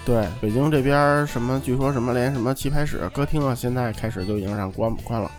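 A man's voice: mid-range voice, fast talker, over music. A man with a Beijing accent co-hosting a podcast, chatting casually in a blunt, colloquial way. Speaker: podcast co-host. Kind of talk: casual chat.

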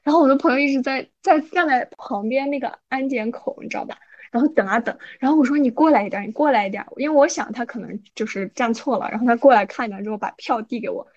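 Woman podcast host rattling off a story, quick and highish, dull lo-fi sound. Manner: animated, frequent "你知道吧" asides. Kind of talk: casual storytelling chat.

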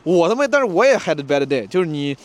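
A man telling a story in a casual monologue, animated and self-mocking, with frequent restarts and English phrases mixed in. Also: on the high side. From China. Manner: fast, restless retelling with many restarts. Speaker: comedian telling a travel story.

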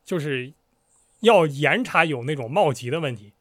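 Man, fairly high voice, animated explainer, storyteller cadence, dry close sound. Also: moderate pace, no echo. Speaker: podcast host explaining history. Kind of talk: casual history chat.

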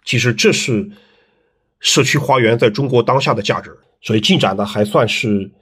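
A middle-aged man, a landscape design teacher, telling stories in a relaxed interview with lots of fillers and tag questions. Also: medium pitch, normal speed, husky. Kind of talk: casual interview storytelling.

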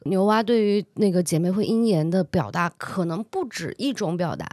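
A woman with a mid-pitched voice chats in a lively way and laughs easily. The recording is dry and close. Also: normal speed, no echo. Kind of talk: casual podcast chat.

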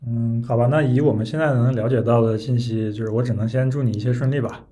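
A man's voice: medium pitch, fairly even intonation, quick pace, warm tone. A man speaking as the host of a casual interview, asking questions conversationally.

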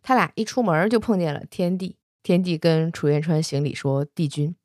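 A woman casually retelling a fantasy romance novel, chatty, with soft particles at the ends of her sentences. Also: lowish voice, moderate pace, no room sound, clean studio sound. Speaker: storyteller.

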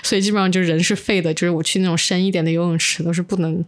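A woman's voice: fairly low pitch, little pitch movement, racing. A woman co-hosting a podcast while under the weather, telling personal stories casually and mixing English words into her Mandarin. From inland China. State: unwell, recording while sick. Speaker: podcast co-host. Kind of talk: casual chat, personal storytelling.

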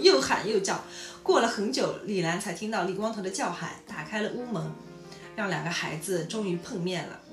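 A woman co-hosting a podcast, reading a novel aloud in a storytelling way with casual asides. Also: reverberant. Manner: reads steadily, laughs often, lively pitch on quoted lines.

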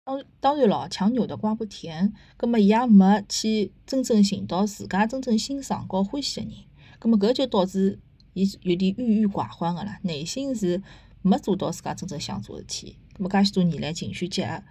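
Speaking a little fast in a mellow, medium-pitched voice with a breathy edge, a Shanghainese-accented woman hosts a book and theatre review podcast. Her casual chat mixes reviewing and retelling, opinionated and full of rhetorical tag questions, on a dry recording.

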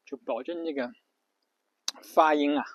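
A man's voice: fairly high pitch, fairly even intonation, unhurried, no room sound, highs cut off. A man giving a casual spoken lesson on pronunciation, repeating himself often, with words. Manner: repetitive, lots of fillers and restarts, spells letters out. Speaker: English pronunciation teacher.

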